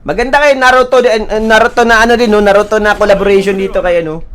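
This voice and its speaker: A man giving excited commentary while playing a mobile battle game, shouting calls to his team and laughing. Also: sits high, fast.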